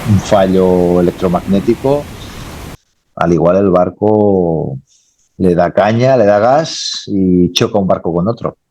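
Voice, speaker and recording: A man's voice: low-pitched, unhurried, mellow, no room sound. A man, a naval engineer, answering interview questions casually and rambling, often adding tag questions.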